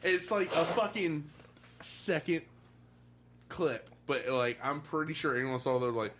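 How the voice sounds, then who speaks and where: A man's voice: fairly high pitch, a little slow, fairly bright tone. A man telling casual anecdotes like a frat bro, with slang, swearing and acted-out quotes. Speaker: reality show contestant.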